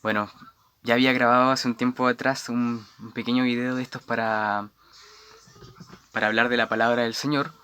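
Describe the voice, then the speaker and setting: A man's voice: medium pitch, flat delivery, normal speed, sharp tone, clear, resonant tone. A man giving a sermon-style Bible reflection, retelling the story and acting out its lines. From Chile. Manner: storytelling, acts out the disciples' and Jesus' lines.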